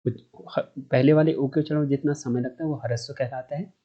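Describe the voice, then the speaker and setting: A man with a dark, mellow voice teaches grammar over slides, recorded a little dull and lo-fi. He works through each point by asking a question and then answering it. He holds out the vowel sounds to show how long each one lasts. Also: mid-range voice, fairly even intonation, brisk. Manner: explains step by step, asks himself questions and answers them; draws out vowel sounds to show their length. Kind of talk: online grammar lesson.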